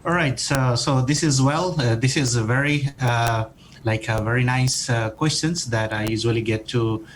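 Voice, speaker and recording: A man's voice: medium pitch, moderate pace, a little hiss or hum, poor audio. A man from Nepal, a doctoral student, answering podcast interview questions in a hesitant way with many fillers and restarts.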